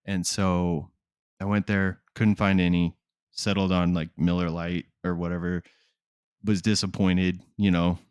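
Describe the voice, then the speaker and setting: A man with a very deep voice in a dry, close recording. He tells stories casually as a podcast co-host, slipping into slang and swearing as he acts out bits of dialogue. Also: unhurried, clear, resonant tone, no echo, lo-fi sound. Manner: slangy, profane, animated retelling with quoted dialogue. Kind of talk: casual chat, storytelling.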